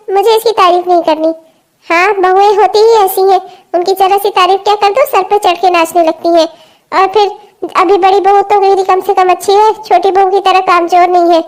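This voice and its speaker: A woman voicing a bossy, scolding older mother-in-law in a cartoon comedy, nagging and sarcastic. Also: extremely high pitch. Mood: grumbling.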